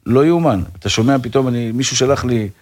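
A rabbi talking in an interview, earnest and fervent, with frequent religious phrases and restarts. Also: male voice, medium pitch, darkish tone. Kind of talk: casual interview talk.

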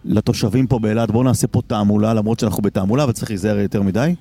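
A man's voice: on the low side, warm tone, breathy edge, no echo, faint music behind. A man hosting a live radio broadcast from a car, chatty and teasing as he prods his guest. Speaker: radio host reporting live. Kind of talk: casual live street broadcast. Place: in a car driving through city streets.

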